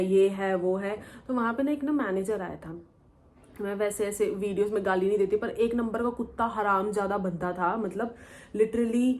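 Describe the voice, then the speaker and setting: Young woman vlogger, casual Q&A storyteller, animated and colloquial, mid-pitched. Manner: animated, colloquial, mixes English words into speech.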